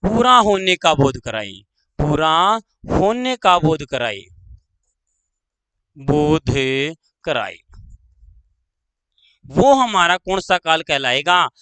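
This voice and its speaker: A man's voice: high-pitched, sing-song, pushed and bright, clean tone, no echo, poor audio. A man teaching a grammar lesson online, drawing out his words, repeating phrases and quizzing his pupils. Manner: slow, drawn-out, repeats phrases and asks pupils questions.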